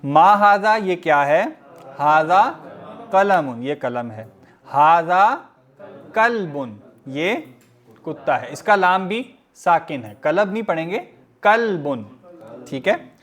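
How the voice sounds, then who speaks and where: A man teaches a recorded lesson at an unhurried, careful pace. He reads each word aloud and then explains it. His voice sits slightly high for a man. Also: expressive, fairly bright tone. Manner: slow and deliberate, reads Arabic words then explains them. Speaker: Arabic teacher.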